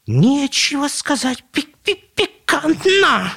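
A man voicing a timid little yellow female chick in an audiobook, with a squeaky, stammering voice. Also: big pitch swings, slow pace, gravelly, no echo, clean studio sound, exaggerated voice. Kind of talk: audiobook storytelling.

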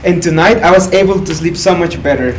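A young man hosts a podcast interview, halting and filler-heavy as he frames his questions. His voice is slightly high for a man. The mic sits away from him and a steady background noise runs underneath. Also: distant mic, low-quality recording. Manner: hesitant, many fillers, soft affirmations. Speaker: podcast host.

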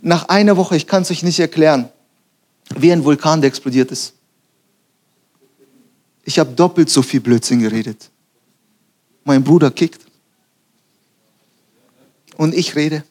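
Young male preacher, high-pitched, animated storyteller who plays every line he quotes. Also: unhurried, pauses often. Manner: animated storytelling, acts out quotes, laughs at himself. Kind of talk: sermon.

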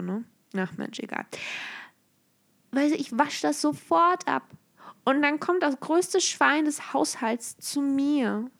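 A young adult woman telling a story in a casual, sarcastic way, dropping into hushed asides. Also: fairly high pitch. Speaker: vlogger.

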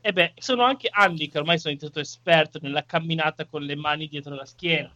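A man's voice: a little high, quick pace, pushed and bright. A man telling casual, rambling anecdotes to friends over a video call. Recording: dull, lo-fi video call audio.

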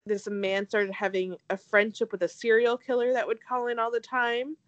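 A woman co-hosting a casual podcast, talking haltingly with stammered restarts and many fillers, with a dry, self-deprecating streak. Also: fairly high pitch, flat delivery, dry recording, muffled recording. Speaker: podcast co-host.

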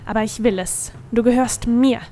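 A woman's voice: a little high, steady tone, moderate pace, warm tone, a little hiss or hum, natural voice. A woman voicing a brutish, bullying male goat demon who talks in a sneering, threatening way. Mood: menacing.

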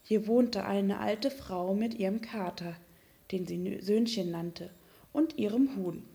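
Eine Frau, die ein Märchen ausdrucksvoll und sanft vorliest. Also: female voice, mid-range voice, slow pace, mellow. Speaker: storyteller. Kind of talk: fairy tale reading.

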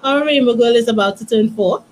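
A woman in her thirties, a guest author, tells her story in a soft, halting way, with many restarts and "you know". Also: fairly high pitch, slight background noise, poor audio. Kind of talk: emotional personal storytelling.

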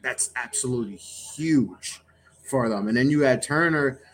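A man's voice: medium pitch, unhurried. Rambling man chatting on a podcast. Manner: rambling, with many restarts and fillers. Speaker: podcast network founder, guest. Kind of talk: casual sports podcast chat.

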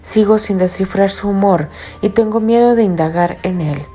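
A woman's voice: medium pitch, moderate pace, dark tone, breathy edge. A woman narrating a first-person romance audiobook in an intimate tone that often drops to a whisper.

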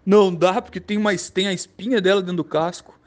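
A man's voice: high voice, steady tone, fast talker, darkish tone, pitched above the performer's own voice, natural voice. A man voicing a nonchalant twelve-year-old street boy, matter-of-fact in his answers.

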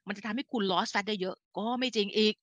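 This woman hosts a chatty live health talk, explaining in an older-sister manner and frequently correcting herself with fillers along the way. She speaks fast at a medium pitch with a somewhat bright tone, on a dry, dull recording.

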